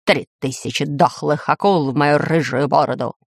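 A woman doing a gruff blustering pirate. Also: low-pitched, moderate pace, no room sound, clean studio sound, voice pushed down. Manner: blustering, cursing. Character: gruff angry male pirate. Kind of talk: storybook reading.

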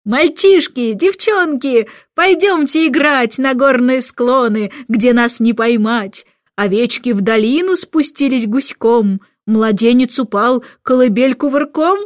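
A woman's voice: sits high, big pitch swings, unhurried, fairly bright tone, no echo, clean studio sound, pitched above the performer's own voice, exaggerated voice. A woman voicing a cheeky, carefree idler turned jester, perky and singsong, in a storybook reading. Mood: merry singing.

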